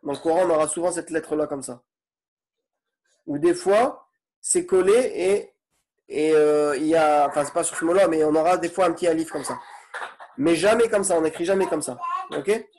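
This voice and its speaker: A man's voice: a little high, moderate pace, a little mellow. Patient man teaching a grammar lesson. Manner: patient, keeps checking with "ok?". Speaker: Arabic teacher.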